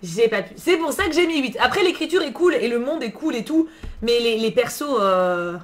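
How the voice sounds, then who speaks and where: Slangy, higher-voiced woman book streamer. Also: animated, moderate pace. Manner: slangy, swears freely, answers chat messages. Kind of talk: casual live-stream chat.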